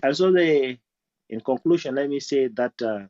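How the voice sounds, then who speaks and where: A man speaking in a casual group discussion, halting with many restarts and fillers, over a video call. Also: medium pitch, darkish tone, no echo. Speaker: guest speaker. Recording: muffled dry online call audio.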